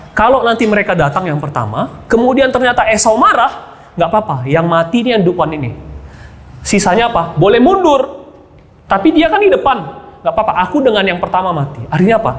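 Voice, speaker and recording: A man preaching a sermon, often calling out to the congregation and dropping to quiet asides. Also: high voice. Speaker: pastor. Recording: long hall reverb, faint background ambience.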